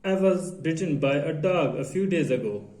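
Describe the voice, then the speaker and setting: A man teaching an English grammar lesson in a halting way, often repeating phrases and reading out example sentences. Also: fairly high pitch, expressive, warm tone. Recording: echoey room.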